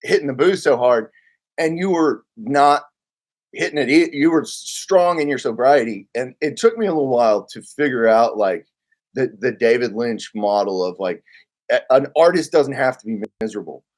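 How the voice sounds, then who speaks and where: A man's voice: medium pitch, lively intonation, moderate pace. A middle-aged man from Oklahoma, a guest writer talking in a casual conversation, rambling and correcting himself as he goes. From Oklahoma, United States. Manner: rambling, self-correcting, heavy on filler "like".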